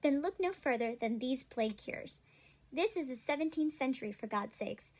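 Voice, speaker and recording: A woman playing an upbeat, salesy pitchwoman in a parody pharmaceutical ad, persuasive and scripted. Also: expressive, moderate pace. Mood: upbeat sales pitch. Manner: salesy, persuasive announcer delivery. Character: upbeat 17th-century female drug-commercial pitchwoman selling cures.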